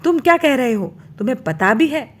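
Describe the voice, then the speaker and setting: An angry, hurt young wife from a storybook tale, voiced by a woman, speaking in a sharp, raised, emotional way. Her voice sits high. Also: lively intonation, normal speed.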